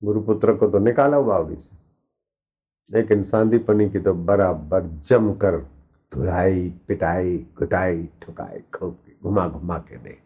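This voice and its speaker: A man's voice: low-pitched, measured pace, mellow, slightly rough. A man, a spiritual teacher, tells a devotional story in a sermon, repeating words for emphasis and acting out the lines of the people in it. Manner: vivid storytelling with repeated words and acted quotes. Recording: dull lo-fi recording.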